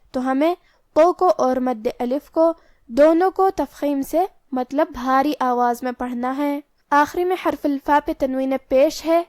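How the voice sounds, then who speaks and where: High-voiced woman teaching recitation rules. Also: darkish tone, no room sound, studio quality. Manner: slow, careful, step-by-step explanation of pronunciation rules. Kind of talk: tajweed lesson.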